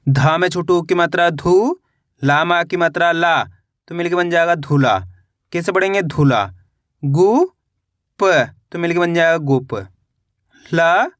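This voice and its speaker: High-voiced man teaching Hindi phonics. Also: fairly bright tone, no echo, clean studio sound. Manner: slow, drawn-out syllable blending; encouraging, addresses viewers as friends. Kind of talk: phonics lesson, sounding out syllables.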